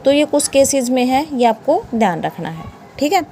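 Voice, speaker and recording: A woman's voice: high-pitched, big pitch swings, moderate pace, warm tone, a little hiss or hum. A woman with an Indian accent teaching English pronunciation in a classroom style. She spells words letter by letter and asks questions that she answers herself.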